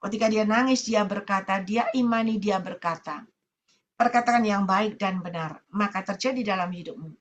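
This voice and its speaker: A woman evangelist, preaching a sermon and telling a congregant's story in an animated way. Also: mid-range voice, moderate pace, highs cut off, slight background noise. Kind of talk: sermon with testimony. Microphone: online prayer meeting broadcast.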